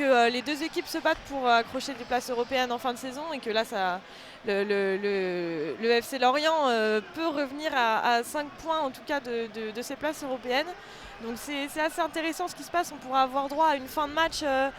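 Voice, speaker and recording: A football co-commentator giving live sports commentary and analysis in a hesitant, halting way, repeating words. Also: high-pitched, fairly bright tone. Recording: noisy outdoor ambience behind the voice.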